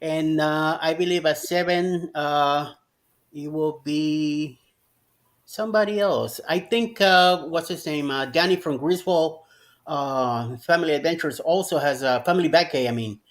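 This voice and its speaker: A man's voice: a little high, a little slow. A man co-hosting a live chat, reading out a schedule with many hesitant fillers. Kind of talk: casual chat.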